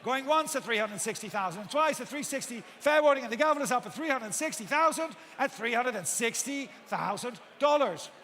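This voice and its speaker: A male auctioneer with a very high-pitched voice rattles through bids at a quick clip. He repeats the numbers insistently and courteously prods the bidders for more. His voice rings out across a big, reverberant hall. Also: expressive, bright, forceful tone. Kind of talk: live auctioneer bid calling. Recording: echoey hall PA with background noise.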